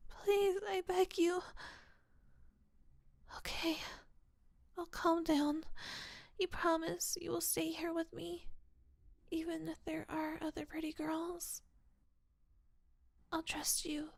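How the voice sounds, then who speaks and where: A woman doing a clingy, high yandere elf girl, whispered role-play. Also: gravelly, no room sound, heavily acted. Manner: pleading, slips into whispers. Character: obsessive, clingy young female elf in love. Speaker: ASMR role-play performer.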